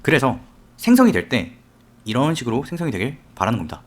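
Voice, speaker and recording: A man teaching a software tutorial step by step, often asking the viewer questions as he works. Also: mid-range voice, huge pitch swings, fast. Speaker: software instructor. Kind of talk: screen-recorded tutorial.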